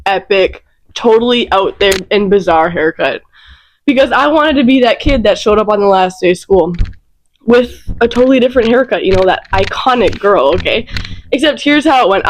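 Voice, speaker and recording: A woman in her early twenties co-hosting a podcast, chatty and giggly, with lots of "like" in her casual talk. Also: mid-range voice. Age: young adult, early 20s. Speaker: podcast co-host. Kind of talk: casual chat.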